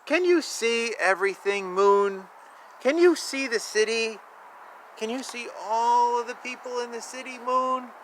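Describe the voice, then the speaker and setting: With faint outdoor sounds around him, a high-voiced man gives an animated picture book reading to young kids, playful and chatty with exclamations and side comments. He takes his time, his tone is a bit bright, and the audio is poor.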